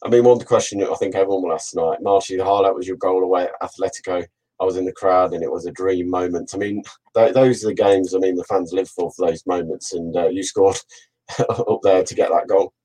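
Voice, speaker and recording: A man's voice: deep voice, fairly even intonation, brisk, warm tone, rough recording. A man interviewing a former player, asking questions in a casual, friendly way.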